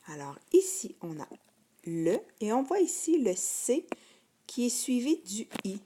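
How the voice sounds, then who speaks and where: Slow, patient Québécois woman teacher. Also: fairly high pitch, sing-song, warm tone, slight background noise. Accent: Québécois French. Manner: patient, spells sounds out and repeats each word twice. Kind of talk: slow, patient phonics lesson for first graders.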